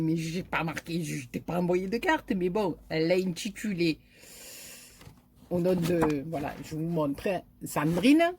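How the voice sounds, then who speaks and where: A woman's voice: fairly low pitch, a little mellow, slightly rough. A middle-aged woman with a southern French accent chatting casually and rambling to her viewers. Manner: chatty, rambling, frequent fillers and laughs. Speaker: YouTube crafter. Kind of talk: casual chat to camera.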